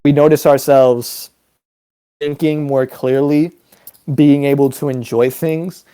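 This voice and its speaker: A man's voice: medium pitch, steady tone, takes it slowly, dark tone, smooth, no echo. A man co-hosting a podcast, explaining ideas in a reflective casual chat with many fillers. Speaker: podcast co-host.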